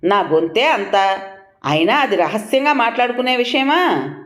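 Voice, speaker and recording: A woman voicing a sharp-tongued, quarrelsome middle-aged wife who scolds and mocks with sarcasm, in a storybook reading. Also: on the high side, very animated, a little slow, reverberant, voice pushed up. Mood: scolding.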